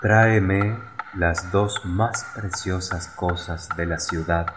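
A solemn, kindly God speaks in a deep, slow voice, read by a male narrator. Every phrase is calm and measured. The tone is grave but gentle. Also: background noise.

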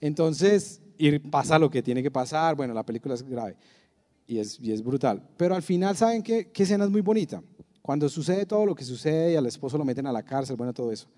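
A man's voice: a little high, lively intonation, a little fast, dark tone, in a large hall. A man preaching a conversational sermon to young people, full of rhetorical questions and retold dialogue. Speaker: youth pastor.

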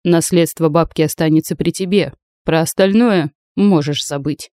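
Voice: mid-range voice, moderate pace, warm tone, dry recording, studio quality, lightly acted. A reader doing a harsh, domineering noble uncle. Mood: cold, domineering. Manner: harsh, imperious, barks orders. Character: stern commanding noble uncle, older man.

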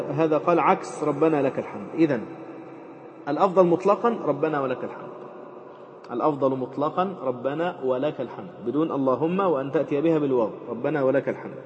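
A man's voice: a little high, darkish tone. A man teaching Islamic jurisprudence, reading from a text and explaining it, repeating phrases with many fillers. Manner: rapid, repeats and quotes phrases, frequent fillers. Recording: dull lecture recording with long reverb.

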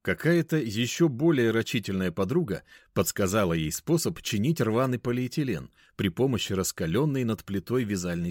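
A man reading a first-person story aloud in a wry, expressive way. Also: lowish voice, no room sound, studio quality. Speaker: narrator. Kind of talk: first-person audiobook narration.

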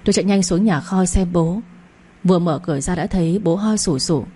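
A woman's voice: fairly low pitch, fairly quick, dark tone, breathy edge. A woman giving earnest, heartfelt first-person narration of a story.

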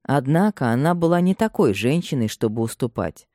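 Мужской голос размеренно читает роман вслух. Тембр тёмный и мягкий, запись сухая, без отзвука комнаты. Чтец сам озвучивает всех персонажей. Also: male voice, mid-range voice, lively intonation, a little mellow, dry recording, studio quality. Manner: measured, reads all the characters himself. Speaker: audiobook reader. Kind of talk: scripted literary narration.

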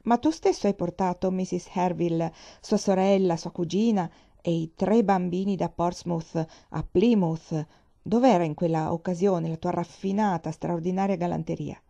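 A woman's voice: lowish voice, normal speed, vocal fry, dark tone. A woman reading the part of a forthright middle-aged navy wife, speaking emphatically, as if lecturing. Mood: arguing.

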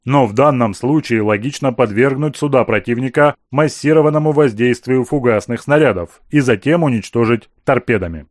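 A man's voice: mid-range voice, moderate pace, hardly any pauses, dry recording, clean studio sound, close to an everyday voice. A man voicing an earnest naval officer who reasons aloud about tactics. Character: earnest male naval officer, normally unflappable.

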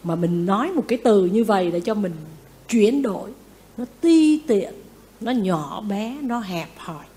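A Buddhist nun giving a lively dharma talk, often asking her listeners questions and acting out what people say. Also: medium pitch, unhurried. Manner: lively, asks the audience questions, acts out quotes. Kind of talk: sermon.

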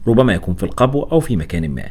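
A man's voice: lowish voice, big pitch swings, very fast, darkish tone, husky. A man voicing an exhausted, sleepy male hospital director who talks in a weary, dismissive way.

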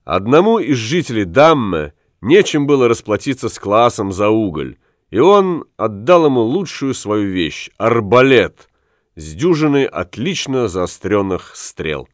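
A man narrating a classic novel as an audiobook, in a measured, even storytelling manner. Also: fairly low pitch, dry recording, studio quality. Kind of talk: scripted literary narration.

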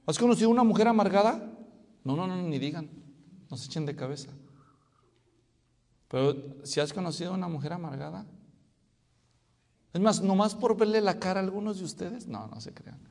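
A man preaching an expository sermon to his congregation, animated and joking with them. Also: sits high, moderate pace, creaky, long pauses, in a large hall. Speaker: pastor. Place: church sanctuary.

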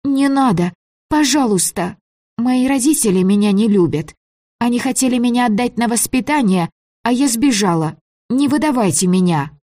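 An audiobook reader voicing a frightened runaway girl who pleads in a high, tearful voice. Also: animated, moderate pace, a little mellow, natural voice. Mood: pleading.

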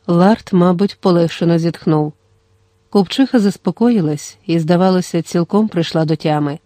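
A reader narrating an audiobook in a steady, measured storytelling manner. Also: mid-range voice, no echo.

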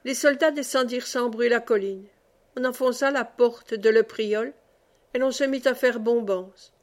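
A woman reading a classic novel aloud as an audiobook narrator, in measured storytelling. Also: a little high. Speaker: audiobook reader.

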